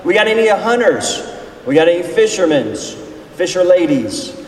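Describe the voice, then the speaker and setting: With a slightly high voice that swings widely in pitch at a normal pace, a folksy pastor in his 40s gives a conversational seminar sermon, putting questions to his audience. The big hall makes the noisy recording sound distant and echoey.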